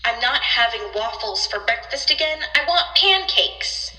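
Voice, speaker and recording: A woman's voice: fairly high pitch, animated, measured pace, bright, forceful tone, roomy sound, big-room sound, voice pushed up, exaggerated voice. A woman doing a pouty young lady's voice, played back through a tinny intercom-like telephone filter from a laptop mic. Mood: whiny. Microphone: built-in laptop mic.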